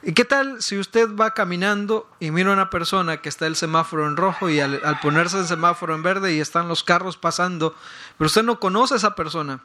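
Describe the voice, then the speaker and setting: Emphatic preaching man, high bright voice. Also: fairly quick. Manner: emphatic, rises to loud peaks and repeats words. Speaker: pastor. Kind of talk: sermon.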